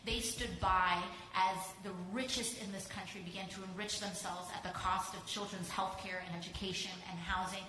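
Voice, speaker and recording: Fired-up woman on a panel, emphatic, bright voice, echoey hall. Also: medium pitch, fairly even intonation, moderate pace, hardly any pauses, faint music behind. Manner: passionate, emphatic, repetitive. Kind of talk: impassioned panel remarks.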